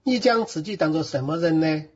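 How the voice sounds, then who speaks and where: A man reading scripture aloud in a steady, measured way. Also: a little high, husky. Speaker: guest reader. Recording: dull lo-fi recording.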